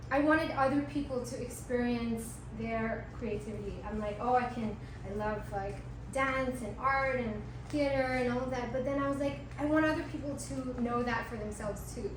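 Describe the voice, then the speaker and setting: Woman from hong kong chatting to a workshop group, lots of ums, super echoey room, noisy. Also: a little high. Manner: chatty, many "um" and "like" fillers. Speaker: workshop teacher. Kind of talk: casual workshop talk. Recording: echoey room, far mic, audible noise.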